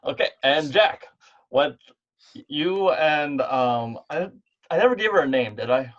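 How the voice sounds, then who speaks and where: A man's voice: on the high side, animated, unhurried. A man narrating as game master of a tabletop game played over an online call, thinking aloud as he goes. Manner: laid-back, thinks aloud while narrating. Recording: dull lo-fi online call audio.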